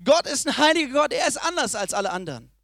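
A young man preaching a sermon, swinging between loud emphatic lines and soft, low asides. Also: very animated, fast talker, dry recording, clean studio sound.

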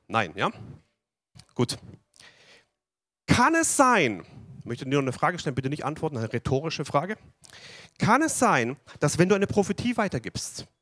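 A man preaching a sermon to a congregation, animated and asking them questions. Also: on the high side, dry recording, clean studio sound. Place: church hall with audience.

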